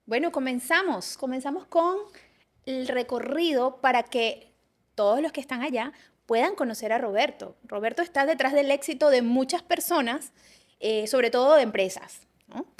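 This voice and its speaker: A woman co-hosting a podcast, introducing the guest and adding playful, quick interjections. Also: high voice. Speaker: podcast co-host.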